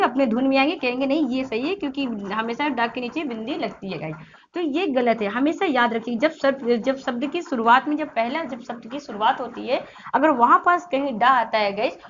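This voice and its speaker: High-voiced woman teaching a Hindi class. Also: brisk. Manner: repetitive, explains with questions to students. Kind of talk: online exam-prep class. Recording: slightly dull lo-fi audio with faint hiss.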